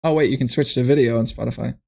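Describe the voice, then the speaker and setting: A man's voice: mid-range voice, steady tone, quick pace, vocal fry, warm tone. A man streaming from his computer, thinking aloud in a loose, rambling way with frequent restarts as he chats to viewers. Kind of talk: casual livestream chat.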